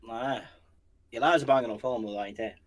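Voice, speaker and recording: A man's voice: medium pitch, a little fast. Scottish male co-host, rambling casual banter, salty and jokey. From Scotland. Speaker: co-host of a paranormal channel. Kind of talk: casual chat.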